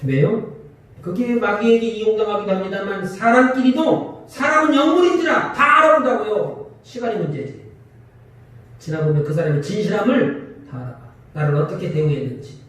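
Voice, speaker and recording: A man's voice: high-pitched, moderate pace. A man preaching a Sunday sermon as pastor, asking the congregation questions and acting out quarrels. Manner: lively, asks the congregation questions and acts out quarrels. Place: church sanctuary. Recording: echoey church hall from far off.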